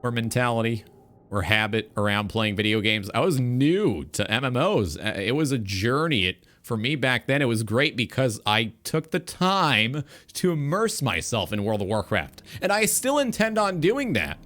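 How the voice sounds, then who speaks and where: A man in his twenties, a streamer and talk show host, rants casually about video games on a livestream with background music. His medium-pitched, slightly bright voice has a sing-song quality at a moderate pace, and his talk is emphatic and rambling with a bit of swearing.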